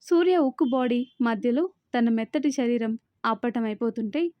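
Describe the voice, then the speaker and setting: Woman narrating a novel, expressive storyteller, fairly high voice, dry close mic. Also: normal speed, no echo, highs cut off. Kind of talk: audiobook novel reading.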